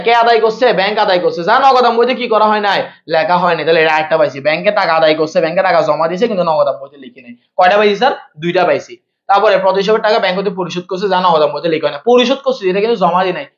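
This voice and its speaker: In a live online accounting class, a man with a high voice rattles off questions to his students and says things more than once. The recording sounds muffled, with the upper frequencies cut off.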